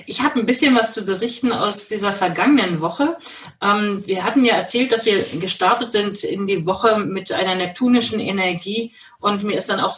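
A woman chats casually as a podcast co-host, her voice at a middling pitch. She sounds a little away from the microphone, in a room with plenty of echo. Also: fairly bright tone. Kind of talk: casual chat. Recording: echoey, distant microphone.

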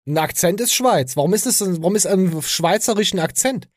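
A man's voice: high voice, lively intonation, moderate pace, no echo, clean studio sound. A young man with an East German accent hosting a casual podcast, ranting crudely and mockingly. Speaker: podcast host.

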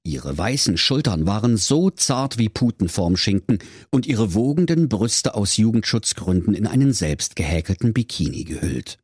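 A man's voice: on the low side, very animated, moderate pace, hardly any pauses, darkish tone, husky, dry recording, clean studio sound. A man narrating a comic radio fairy tale in a mock-solemn storytelling manner.

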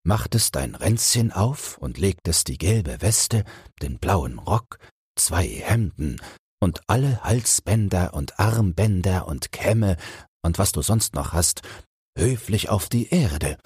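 A man's voice: low voice, animated, takes it slowly, darkish tone, slightly rough, no echo, studio quality, voice pushed up, full character voice. A man voicing a carefree journeyman smith who teases his fearful companion in a fairy-tale audiobook. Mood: teasing, easygoing. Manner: teasing, easygoing.

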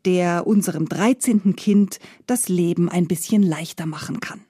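A woman's voice: lowish voice, normal speed, dark tone, breathy edge, dry recording, clean studio sound. A woman voicing a poor, desperate peasant father of thirteen, speaking earnestly.

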